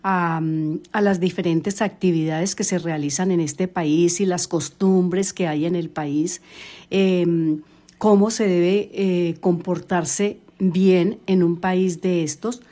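An older woman, a grandmother answering interview questions hesitantly, with many pauses and fillers. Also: lowish voice, fairly even intonation, mellow. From Colombia. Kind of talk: casual family interview.

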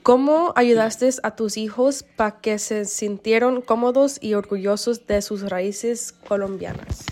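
A woman's voice: fairly high pitch, steady tone, a little slow, hardly any pauses, a little mellow. A woman interviewing her grandparents, reading out prepared questions steadily.

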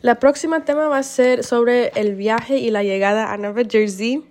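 A woman's voice: fairly high pitch, normal speed, a little mellow. A woman interviewing her grandparents, reading out prepared questions steadily.

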